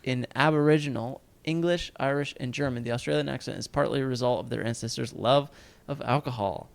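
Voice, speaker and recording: A man's voice: medium pitch, a little fast, creaky. A young man co-hosting a casual podcast, joking around and reading facts aloud. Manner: joking, reads facts aloud, tries put-on accents. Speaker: podcast co-host. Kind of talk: casual chat.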